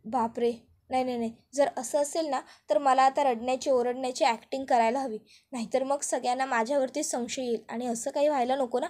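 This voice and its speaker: A woman's voice: sits high, fairly even intonation, brisk, a little mellow, natural voice. A woman voicing a scheming young wife who soothes falsely and fakes her grief. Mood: scheming aside.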